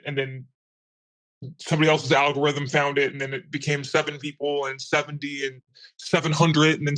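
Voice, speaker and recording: A man's voice: fairly high pitch, fairly bright tone, rough recording. A man in his thirties whose voice is altered for anonymity, chatting candidly as an interview guest in loose, rambling sentences. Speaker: interviewee, meme page admin. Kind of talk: casual interview chat.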